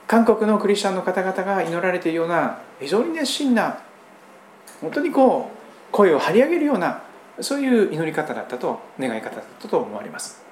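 A man from Japan, a pastor preaching a sermon in a conversational style with strong emphasis. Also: a little fast. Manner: conversational preaching with lively, pitch-swinging emphasis. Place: church sanctuary. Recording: roomy church hall echo, faint background hum.

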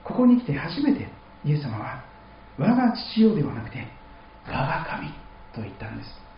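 A man's voice: mid-range voice, very animated, fairly quick, creaky, roomy sound, highs cut off, a little hiss or hum. A man preaching a sermon as pastor, reading scripture and acting out quoted speech with feeling. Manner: dramatic voicing of quoted speech. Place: church hall.

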